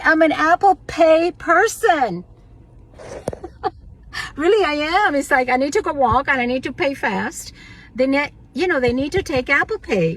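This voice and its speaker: A woman's voice: high-pitched, low-quality recording. Chatty older woman on a street. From Cuba. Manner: chatty, playful, slips into Spanish. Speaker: vlogger. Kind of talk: casual walking vlog chat. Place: outdoors on city streets, walking. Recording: street traffic noise behind.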